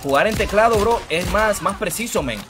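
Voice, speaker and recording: A man streaming a fighting game, commenting excitedly and greeting his chat by name, speaking with vos. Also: high-pitched, moderate pace, over music. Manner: excitable, calls viewers bro and rey, greets chat by name. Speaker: gaming streamer.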